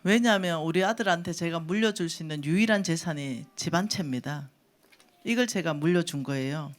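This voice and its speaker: A woman's voice: on the low side, fairly quick. A woman church elder, preaching a storytelling sermon, acting out her own thoughts and laughing as she tells the stories. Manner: animated, acts out her own quoted thoughts; laughs while telling stories.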